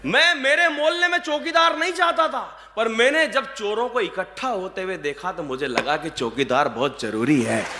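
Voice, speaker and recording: A man's voice: high-pitched, moderate pace, few pauses, sharp tone. A man performing live satirical stand-up as a comic poet, telling jokes to an audience. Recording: echoey hall with background noise.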